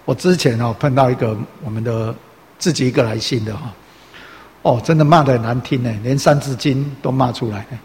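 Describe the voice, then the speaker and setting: A man's voice: medium pitch, brisk, a little mellow. A man preaching a sermon in a loose, chatty way, full of filler particles and rhetorical questions to the congregation. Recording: roomy hall reverb, faint noise.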